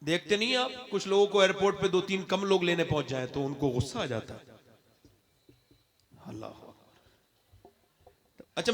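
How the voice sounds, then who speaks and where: A man delivering an impassioned sermon to a crowd, moving from low conversational talk to loud shouted declamation and asking the audience questions. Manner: addresses the crowd directly with questions. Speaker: religious orator. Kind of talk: impassioned sermon at a public gathering. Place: stage at a large religious gathering.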